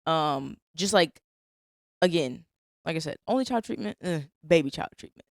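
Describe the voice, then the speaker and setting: A woman's voice: sits low, lively intonation, normal speed, no echo, clean studio sound. A woman in her twenties hosting a podcast, chatting casually and teasing her guest in a playful way. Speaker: podcast host. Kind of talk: casual conversation. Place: indoors, on a couch.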